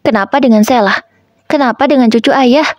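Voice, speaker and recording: A woman voicing a panicked grandfather in a spoken story, with a husky voice. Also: high-pitched, a little fast, a little mellow, no echo, voice pushed up, close to an everyday voice. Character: panicked grandfather, father of narrator.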